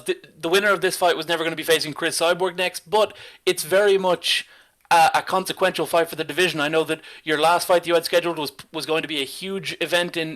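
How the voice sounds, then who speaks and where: Male reporter with a slightly high voice. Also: a bit bright. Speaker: sports reporter. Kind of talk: conversational press questioning.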